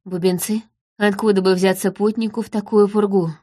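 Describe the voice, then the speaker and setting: A woman narrating a story in the first person at a steady, measured storytelling pace. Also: medium pitch. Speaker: audiobook narrator.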